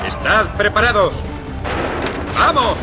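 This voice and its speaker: A stern young warrior in a battle game. He shouts military commands in a high, dynamic voice with loud music and gunfire behind. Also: very animated, slow, heavily acted. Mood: commanding. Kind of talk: video game battle acting.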